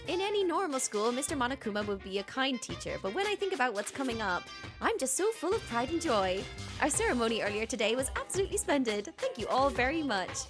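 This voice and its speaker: A woman's voice: high voice, big pitch swings, quick pace, music in the background. A woman voicing a gleeful, childish robot bear villain from a video game, teasing and exaggerated. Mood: mock-proud.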